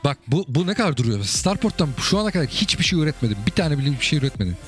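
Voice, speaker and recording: A man's voice: a little high, sing-song, rapid-fire, soft background music. A man hosting casual commentary over viewers' game replays, chatty and asking the listener again and again whether they get it. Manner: chatty, keeps asking "you get it?" and calling the listener brother.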